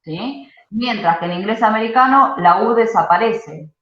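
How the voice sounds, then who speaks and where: A woman's voice: mid-range voice, normal speed, a bit bright. A woman leads an English grammar class over a video call. She explains step by step and keeps asking "¿sí?" to check that her students follow. The sound is dull and echoey. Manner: explanatory, checks understanding with frequent "¿sí?". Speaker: English teacher. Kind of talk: online class lecture. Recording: muffled roomy video-call audio.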